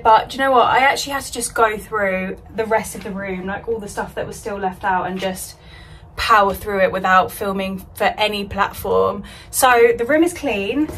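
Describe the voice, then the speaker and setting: A woman's voice: medium pitch, fairly bright tone, a little hiss or hum, rough recording. A woman chatting casually to her phone camera while sorting her bedroom, rambling and self-deprecating. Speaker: home vlogger. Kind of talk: casual vlog chat to camera. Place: bedroom at home, indoors.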